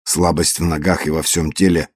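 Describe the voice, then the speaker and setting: A man narrating an audiobook in a steady, measured way. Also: extremely low pitch, dry recording, studio quality. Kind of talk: scripted narration.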